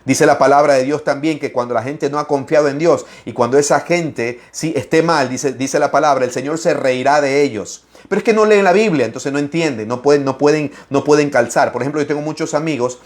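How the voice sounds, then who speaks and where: A middle-aged man preaching in an animated Bible-study talk. He swings his voice up and down and laughs as he speaks. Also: fairly quick, few pauses. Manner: expressive, raises and lowers his voice, laughs while speaking; acts out opponents' lines in mocking voices.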